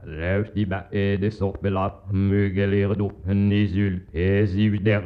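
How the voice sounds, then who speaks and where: A man's voice: fairly low pitch, flat delivery, slow pace. A man doing a garbled backwards-talking radio caller. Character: odd male radio caller speaking backwards. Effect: speech played backwards. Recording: muffled old archive recording with loud hiss and echo.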